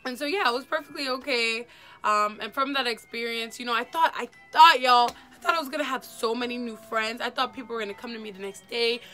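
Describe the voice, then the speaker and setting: A woman's voice: on the high side, a little fast, sharp tone, faint music behind. A young adult woman telling a personal story in a casual, slangy way and addressing viewers as y'all. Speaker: vlogger.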